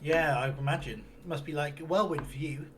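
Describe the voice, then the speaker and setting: A man voicing a wandering half-elf male handyman in a tabletop role-play, talking in a folksy, rough way full of fillers. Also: on the high side, fast, a bit bright, lightly acted. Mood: rambling.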